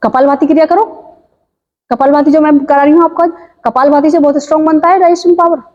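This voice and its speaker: A woman's voice: high-pitched, quick pace. Woman giving a diet and yoga talk, lots of rhetorical questions, muffled lo-fi audio. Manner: lively, asks listeners rhetorical questions. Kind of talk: informal health talk to viewers. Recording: dull lo-fi sound.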